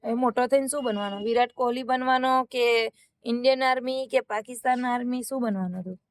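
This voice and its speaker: Mom vlogger, high and dry, chatty, coaxing her kids with questions. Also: fairly even intonation, a little fast, no echo. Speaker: vlog host and mother. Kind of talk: casual family vlog chat.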